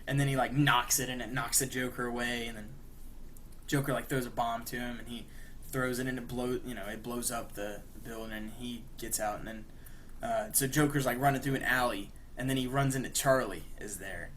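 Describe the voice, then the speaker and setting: A young man on a podcast recaps a cartoon episode at length, rambling and filling gaps with "like" and "you know". His voice is bright and clear, at an ordinary pitch. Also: fairly even intonation, a little fast, slight background noise. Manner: rambling, many fillers and 'like'. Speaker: podcast co-host. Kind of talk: casual chat, retelling a cartoon episode.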